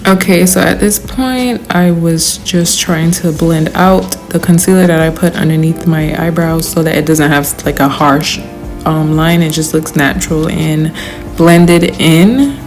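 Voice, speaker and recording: A woman's voice: sits low, measured pace, music in the background. A young woman giving a casual, chatty makeup tutorial voice-over in informal, slangy, emphatic language. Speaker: beauty vlogger.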